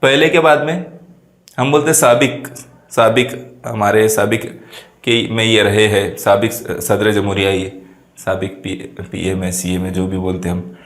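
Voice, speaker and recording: A man's voice: on the low side, steady tone, measured pace. A male teacher who explains vocabulary exam answers step by step and keeps checking that his students follow. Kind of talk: exam prep lesson. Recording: echoey room sound.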